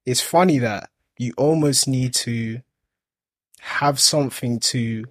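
A man's voice: medium pitch, takes it slowly, no room sound, clean studio sound. A young man with a London roadman accent chats casually and emphatically, using heavy street slang and telling stories to make his points. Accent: London, urban street slang. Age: young adult. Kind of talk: casual motivational chat.

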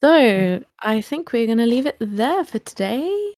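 A woman's voice: a little high, sing-song, unhurried, a little mellow, no echo. A woman co-hosting a casual chat show, eagerly adding details to the story. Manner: chatty, adds details eagerly. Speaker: podcast co-host.

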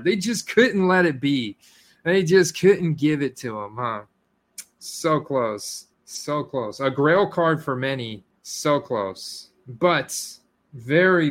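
A man hosting a casual card-opening video, talking straight to his viewers and breaking into excited exclamations as he goes. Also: mid-range voice. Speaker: sports card collector host. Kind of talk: casual unboxing chat to viewers.

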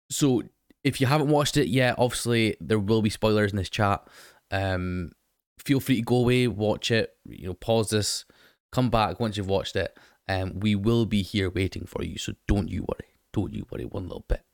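A man with a hoarse, croaky voice hosting a casual solo podcast, chatting to listeners with plenty of ums. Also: fairly low pitch, normal speed, dry recording, clean studio sound. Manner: chatty, lots of ums, talks straight to listeners. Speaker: podcast host.

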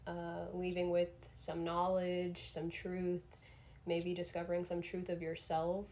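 A woman's voice: lowish voice, darkish tone. A young adult woman hosting a solo podcast in a casual, rambling, introspective way, sounding slightly under the weather. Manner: rambling, self-reflective, uses slangy filler "like". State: under the weather, throat-clearing.

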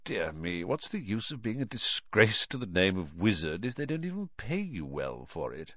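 A man's voice: fairly low pitch, very animated, normal speed, fairly bright tone, no room sound. A man reading an audiobook, voicing a cold, sneering aristocratic wizard father with a silky, contemptuous tone. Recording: dull lo-fi dry recording.

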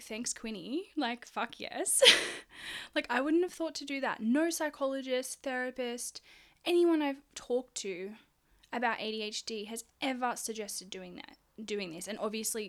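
A woman talking alone into her podcast mic in a loose, chatty way. She rambles and digresses, sprinkles "like" through every sentence and swears without a second thought. Her voice sits at an ordinary middle pitch for a woman. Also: a bit bright. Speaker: podcast host. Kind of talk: casual solo podcast monologue.

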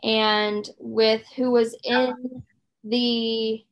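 Chatty woman in her thirties, slightly high. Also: little pitch movement, drawn-out words, rough recording. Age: 30s. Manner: chatty, rambling with many fillers and restarts. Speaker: podcast co-host. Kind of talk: casual chat.

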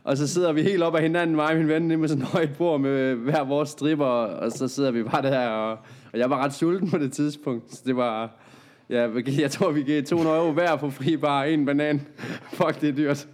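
Guy on a podcast telling a crazy story, laughing a lot, totally animated. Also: on the high side. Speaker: podcast guest, comedian.

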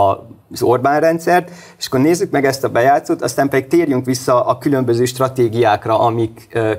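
Flat-voiced hesitant male host. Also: medium pitch, creaky. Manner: hesitant, many fillers and restarts. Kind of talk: studio political discussion. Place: studio.

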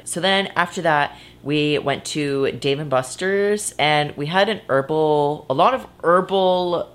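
Female vlogger, 20s: low voice with vocal fry, loose conversational delivery, self-interrupting, casual swearing. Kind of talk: casual, rambling personal vlog chat. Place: in bed indoors.

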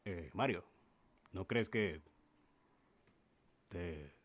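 A man voicing a calm, skeptical old farmer who speaks in a flat, matter-of-fact way. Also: low-pitched, drawn-out words, heavily acted. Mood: deadpan.

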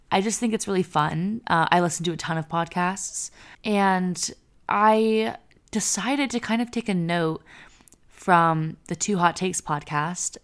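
Congested young woman with a gravelly voice. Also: lowish voice. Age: 20s. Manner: casual, swears freely. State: congested, nasal. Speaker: podcast host. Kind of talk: casual podcast chat and story reading.

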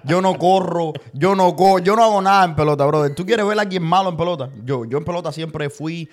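A man's voice: on the high side, a little fast. A man, hosting a podcast interview in a joking, playful way with English words mixed in. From Cuba. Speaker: podcast host.

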